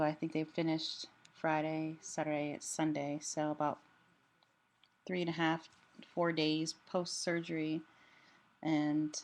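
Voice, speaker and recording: A woman giving a casual personal update in a halting way, her voice limited in range and altered by a sore, swollen throat after surgery. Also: deep voice. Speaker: vlogger sharing a health update. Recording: clearly noisy room ambience.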